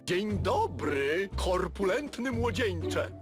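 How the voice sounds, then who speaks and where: A sly cartoon villain oozes through a flowery candy-seller pitch in a high, swooping voice, drawing each phrase out slowly. Loud cartoon music plays behind him. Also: male voice, big pitch swings, full character voice. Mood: honeyed, scheming. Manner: ornate, flowery sales pitch. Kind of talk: dubbed cartoon acting.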